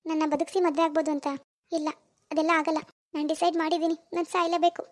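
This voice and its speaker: A woman's voice: extremely high pitch, flat delivery, fast. Woman voicing a heartbroken young cartoon wife. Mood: resigned. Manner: tearful, resigned. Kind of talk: animated cartoon dialogue.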